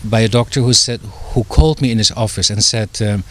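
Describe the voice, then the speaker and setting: This middle-aged man from the Netherlands, a doctor and author being interviewed, has a lowish, fairly bright voice and talks fairly quickly. His speech is halting, full of fillers and false starts, over a faint hiss or hum.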